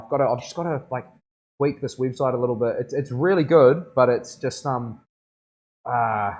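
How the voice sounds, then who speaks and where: A man's voice: mid-range voice, a little mellow. Man with a broad Kiwi accent, chatting casually. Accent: broad New Zealand. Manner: laid-back slangy speech, often seeking agreement. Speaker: tattoo artist livestreamer. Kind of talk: casual livestream chat.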